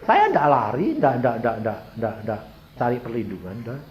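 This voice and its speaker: A male preacher with a Javanese accent, telling a story in a sermon and acting out the dialogue, jumping from loud, high outbursts to quiet, low asides. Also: huge pitch swings, normal speed, lo-fi sound, slight background noise. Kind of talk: sermon with acted-out anecdote.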